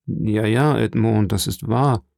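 A man reading an audiobook, voicing a frail, gentle old father who speaks softly and wearily. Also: on the low side, slow, gravelly, no echo, studio quality. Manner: soft, weary, hesitant. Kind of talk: audiobook character voice.

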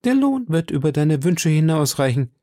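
A man's voice: fairly high pitch, very animated, moderate pace, mellow, no echo, studio quality, voice pushed up. Man voicing a coaxing young wife, raised and urgent. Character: anxious, secretive young wife of a shopkeeper. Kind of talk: audiobook character reading.

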